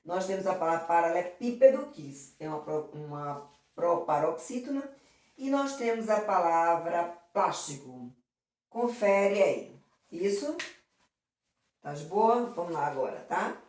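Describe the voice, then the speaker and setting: A woman's voice: on the low side, lively intonation, a little slow, a little mellow. A woman teacher going through exam questions, talking affectionately with lots of diminutives and constant check-ins with her students. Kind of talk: exam prep lesson. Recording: very echoey room, mic far off.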